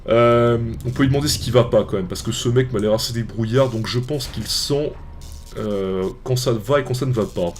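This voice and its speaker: A man's voice: medium pitch, normal speed, faint music behind. Rambling man commenting on a game. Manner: rambling, hesitant, restarts and fillers. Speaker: let's play host.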